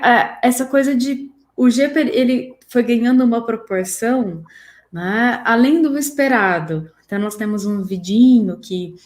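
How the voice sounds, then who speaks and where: A woman's voice: medium pitch, darkish tone. A woman hosting a live panel, speaking semi-spontaneously. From São José do Rio Preto, Brazil. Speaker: live-stream host.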